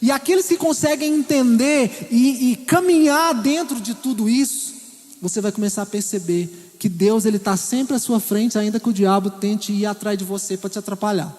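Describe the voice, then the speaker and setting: A man's voice: sits high, moderate pace, darkish tone. A Brazilian man from Minas Gerais preaching a sermon as pastor, in a chatty style that keeps checking in with his listeners. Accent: Brazilian Portuguese, Minas Gerais. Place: church hall. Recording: echoey church hall.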